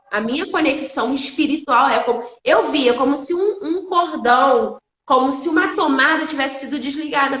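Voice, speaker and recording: A woman's voice: sits high, fairly bright tone, roomy sound. A woman giving an earnest, emotional faith testimony on a live stream, repeating phrases for emphasis.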